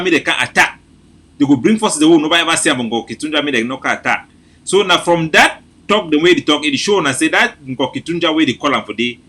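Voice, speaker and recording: A Cameroonian man hosting an informal political briefing in Pidgin English, repeating himself in an animated, mocking manner. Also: mid-range voice. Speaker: host.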